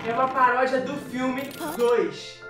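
A man with a Brazilian Portuguese accent hosting a casual reaction video, talking excitedly to his viewers with lots of exclamations. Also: very high-pitched, a little slow, recorded from a distance. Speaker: YouTube reaction host. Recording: echoey room, off-mic, loud background music.

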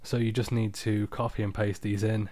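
Male, low-pitched, tired, casual screen-recording walkthrough, unpolished and informal, dry close sound. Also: level tone, moderate pace, mellow, no echo. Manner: informal, unpolished, off-the-cuff explaining. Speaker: software tutorial presenter. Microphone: external microphone, close and dry.

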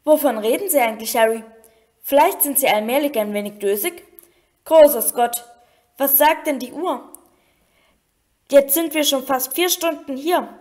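A woman's voice: sits high, moderate pace, long pauses, a little mellow, natural voice. A woman voicing a vain, pompous, chattering male teacher in a storybook reading. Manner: pompous, self-satisfied.

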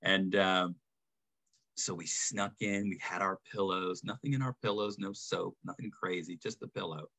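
Low-voiced man telling an army story. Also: fairly even intonation, normal speed, sharp tone. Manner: conversational, chuckles between lines. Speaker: army veteran sharing a story. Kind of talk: casual storytelling vlog.

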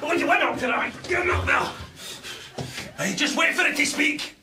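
An actor playing an exasperated Scottish man stuck in a lift, talking in a Scottish accent and shouting at the machine, in a television sketch. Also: very high voice, moderate pace, reverberant, slight background noise, exaggerated voice. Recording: studio audience laughter behind.

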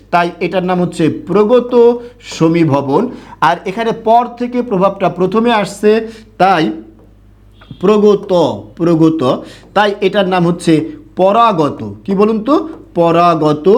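A man's voice: high-pitched, a little mellow. A young man teaching grammar in an online lesson, asking questions and answering them himself, repeating key points. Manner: repetitive, drilling.

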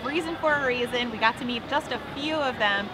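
A woman's voice: a little high, a little fast. An enthusiastic American woman hosting upbeat street interviews outdoors in an encouraging manner. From New Jersey, US. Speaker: event host and interviewer. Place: outdoors on seaside boardwalk and busy street. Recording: noisy outdoor crowd and street ambience.

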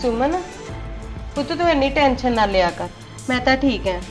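An actress playing a soft-spoken, middle-aged mother-in-law with a Punjabi accent in a short film. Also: high voice, expressive, normal speed, soft background music. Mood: weary. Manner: soft, gentle, reassuring. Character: worried mother-in-law with a headache.

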